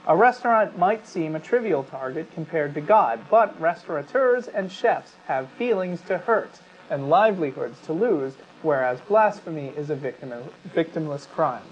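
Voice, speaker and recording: A man co-hosting a talk show mixes conversational commentary with passages he reads aloud. His voice is a little high and expressive, at a moderate pace. The audio is dull and lo-fi, with clear background noise.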